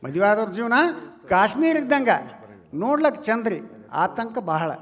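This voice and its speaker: A man with a North Karnataka Kannada accent doing stand-up comedy on stage, chatting loudly with the crowd and calling them relatives. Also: high-pitched, big pitch swings, measured pace. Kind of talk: stand-up comedy before a live audience. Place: stage in a large hall. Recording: long hall reverb.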